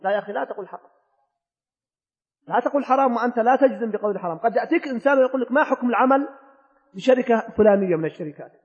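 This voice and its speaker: A man's voice: very high-pitched, lively intonation, racing, pauses often, slightly rough. Emphatic older man teaching in echoing hall. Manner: emphatic, repeats key phrases, acts out people's sayings. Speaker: sheikh teaching a fiqh text. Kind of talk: classical Arabic lesson with colloquial asides. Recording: dull recording in a reverberant hall.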